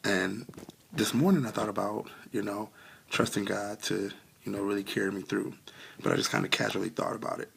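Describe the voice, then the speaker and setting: A man tells an earnest personal testimony with many ums, trying not to cry and still coughing a little. His voice is low and deeply gravelly with fry. A faint hiss of noise sits behind him. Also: fairly even intonation, fairly quick, fairly bright tone. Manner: earnest, many fillers, on the edge of tears. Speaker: vlogger sharing a testimony. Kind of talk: casual heartfelt testimony.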